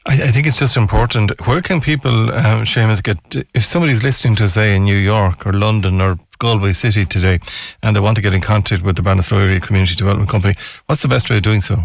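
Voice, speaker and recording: A male radio interviewer with a west of Ireland accent, chatty and quick. His voice is lowish with plenty of creak, and he tends to repeat phrases. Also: steady tone, no echo.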